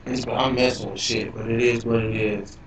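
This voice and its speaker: A man's voice: mid-range voice, little pitch movement, normal speed. Robot-glitched man, very echoey. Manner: loose, profane, repeats himself a lot. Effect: clangy robotic glitch on the voice. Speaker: livestream host. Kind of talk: casual live stream chat. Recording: robotic, echoey, distant computer mic.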